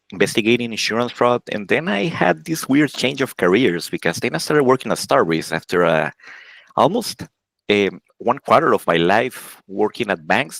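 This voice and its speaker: A man in his forties from Honduras talks through his career as an interview guest. He speaks casually and haltingly, stopping and restarting his sentences often. His voice sits fairly low, and the recording is dry with no room echo. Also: vocal fry, a bit bright. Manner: halting, many restarts and self-corrections, laughs often. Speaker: game programmer, interview guest.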